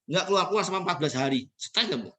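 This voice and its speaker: Middle-aged man, high bright voice, animated motivational speaker. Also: rapid-fire. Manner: animated storytelling, acting out quotes, laughing often. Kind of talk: lively motivational talk with acted anecdotes.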